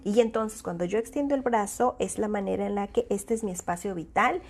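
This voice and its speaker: A woman's voice: medium pitch, a little fast, a little mellow. A woman psychologist gives parents an informal talk. She explains her points through everyday examples and sometimes acts out the voices she quotes. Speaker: child psychologist.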